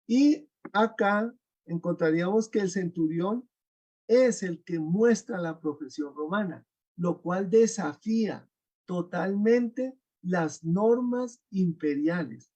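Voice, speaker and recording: Brief: male lecturer, webinar lecture, high mellow voice, unhurried, explanatory, often asks the audience to confirm, heard over a video call. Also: lo-fi sound. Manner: explanatory, checks in with rhetorical questions.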